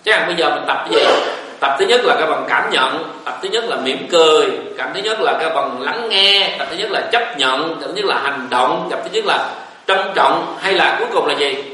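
A man's voice: fairly high pitch, animated, fairly quick, bright, forceful tone. A man, giving a joking, folksy Buddhist dharma talk. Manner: folksy, joking, rising and falling emphasis. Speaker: Buddhist teacher. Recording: echoey room, voice from a distance, faint hiss.

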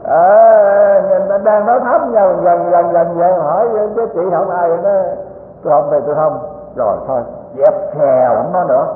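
High-voiced man preaching. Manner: folksy, joking, with frequent tag questions. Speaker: Buddhist teacher giving a dharma talk. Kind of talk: sermon. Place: lecture hall. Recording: tinny, echoey hall recording, faint hiss.

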